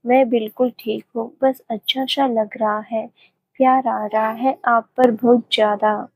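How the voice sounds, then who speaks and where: Woman voicing a sweet young wife, soft and fond, slow, dry close mic. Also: on the high side, fairly even intonation, dry recording. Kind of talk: audiobook story reading.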